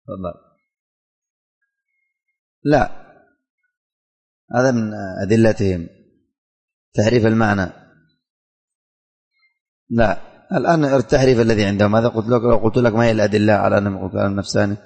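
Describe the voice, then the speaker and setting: A man's voice: fairly low pitch, fairly quick, gravelly, pauses often, a little mellow. A man teaching a religion class in a classroom, quizzing students by name and repeating his questions. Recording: hall reverb.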